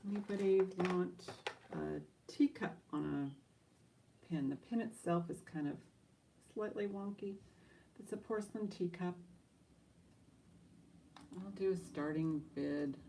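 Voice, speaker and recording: A woman's voice: on the low side, unhurried, gravelly, pauses often, warm tone, a little hiss or hum. A woman running a live online auction as auctioneer, mixing casual, chatty patter with bid calls in an informal, rambling way.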